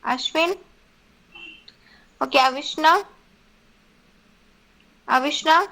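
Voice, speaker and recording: Woman teacher, online class, fairly high voice, encouraging, repeats prompts. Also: slow, vocal fry, bright, forceful tone, low-quality recording. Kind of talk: online class drilling students.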